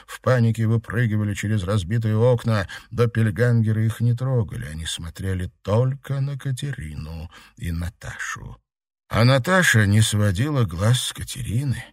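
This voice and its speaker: A man reading an audiobook as narrator, in a steady, dramatic manner. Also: on the low side, normal speed, no room sound, clean studio sound. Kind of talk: scripted narration.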